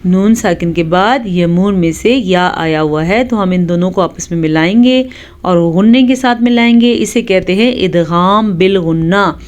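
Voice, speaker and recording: Slow, patient woman teaching Quran recitation. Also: on the low side. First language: Urdu. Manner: explains rules calmly, then recites words slowly and drawn out. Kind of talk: tajweed lesson with slow recitation.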